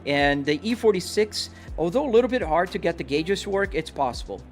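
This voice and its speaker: A Brazilian man, a native Portuguese speaker, chats casually on a livestream while answering viewer questions from a driving simulator at his home office sim rig. His high-pitched voice is lively and fairly quick, with music and in-game car engine sounds behind him.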